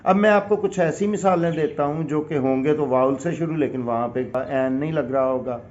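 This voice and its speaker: A man's voice: fairly high pitch, darkish tone. A man from Pakistan with a Pakistani accent, teaching an English grammar lesson with patient, step-by-step explanations and examples. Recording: dull lo-fi recording.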